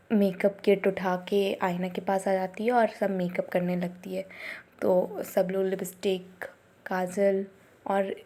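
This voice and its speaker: A woman retelling a story in an unscripted, casual way, pausing often with hesitant fillers. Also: mid-range voice, mellow. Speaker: drama recap narrator. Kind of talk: casual spoken plot retelling.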